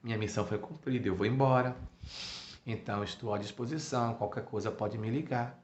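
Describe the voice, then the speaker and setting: A man voicing a calm, kind female doctor who speaks in a reassuring way. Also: lowish voice, a little fast, slight background noise, natural voice. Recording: echoey room, muffled sound.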